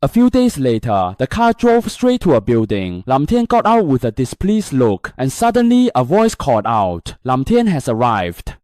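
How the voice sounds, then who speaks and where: A male narrator reads through a comic story recap with a very animated, rising-and-falling delivery. His voice sits at an ordinary middle pitch and is recorded close and dry, with no room echo. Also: normal speed, hardly any pauses.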